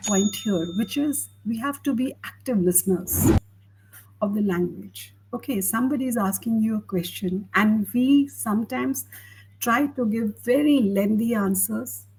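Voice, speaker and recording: Husky woman giving English-speaking tips. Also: medium pitch, a little mellow, rough recording. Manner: measured, explanatory, gives advice. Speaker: English tutor. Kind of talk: teaching conversation.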